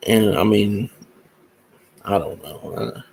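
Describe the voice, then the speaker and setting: Speaking slowly in a lowish register, this man has vocal fry, a slightly mellow quality, and a faint hiss or hum in the audio. The musician and comic creator wanders casually through his music and projects for his viewers, filler-heavy, straight to camera.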